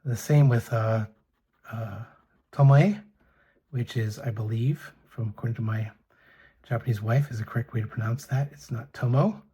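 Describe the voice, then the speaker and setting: A middle-aged man casually reviewing fountain pens and inks, talking in a soft, hesitant way with many fillers and restarts. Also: on the low side, fairly even intonation, moderate pace, husky. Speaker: pen and ink reviewer. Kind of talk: casual show-and-tell review.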